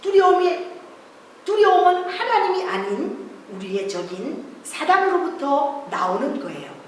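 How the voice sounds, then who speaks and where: A woman's voice: high voice, sing-song, unhurried, a little hiss or hum. A woman preaching a Bible story to children at a church service, acting out the disciples' cries in a raised voice. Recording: echoey distant church room recording.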